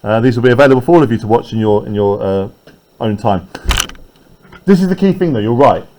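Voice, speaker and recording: A man's voice: mid-range voice, animated, fast talker, noisy background. A male teacher leading a classroom poetry lesson, talking conversationally and often checking in with tag questions.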